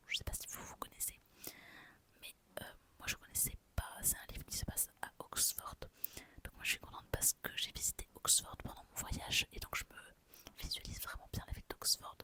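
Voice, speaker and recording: A young woman vlogger whispers softly into her phone as she goes through a haul of books and souvenirs, gushing and packing her talk with fillers.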